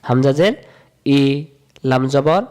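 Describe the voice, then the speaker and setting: A man from Bangladesh, teaching a step-by-step recitation lesson, repeating rules in a sing-song chant and drawing sounds out slowly. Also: mid-range voice, a little mellow. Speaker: Quran reading teacher.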